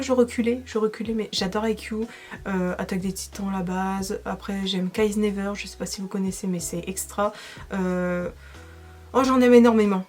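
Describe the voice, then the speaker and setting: A young makeup vlogger with a French accent chats casually to camera, answering viewer questions with enthusiasm and plenty of fillers. Her voice is medium-pitched.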